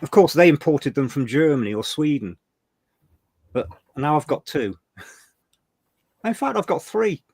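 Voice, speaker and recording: An older man from England, co-hosting a livestream, chats about the past with emotion and mild swearing. His slightly high voice swings widely in pitch and comes a little slow, with long pauses and a somewhat mellow, slightly rough quality. There's no room sound.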